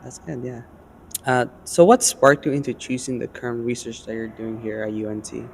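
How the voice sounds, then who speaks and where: A woman's voice: a bass voice, steady tone, normal speed, creaky, a little mellow, a little hiss or hum. A woman interviewer asking questions in a casual interview, encouraging, with brief reactions.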